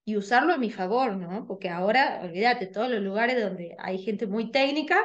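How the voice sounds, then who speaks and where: This woman, who speaks Tucumán Argentine Spanish, is chatting casually as co-host of a radio podcast, sincere and reflective, describing her voice as high-pitched. Her pace is normal, and the recording has its highs cut off.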